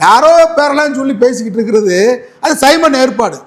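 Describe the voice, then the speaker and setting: A man's voice: extremely high pitch, animated, a little fast. A man speaking as an advocate in a heated political interview, combative and mocking, repeating his points.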